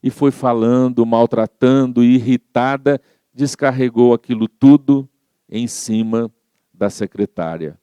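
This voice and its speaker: A man's voice: medium pitch, unhurried, dark tone, smooth, dry recording. A man giving a Spiritist talk as a storytelling sermon, repeating words for effect and acting out the quotes. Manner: repetitive storyteller, acts out quotes. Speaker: Spiritist lecturer.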